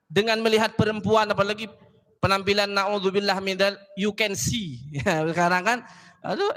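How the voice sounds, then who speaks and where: High, bright-voiced preacher man in a hall. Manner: joking, chatty, addresses audience directly. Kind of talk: casual sermon to women's gathering. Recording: long hall reverb.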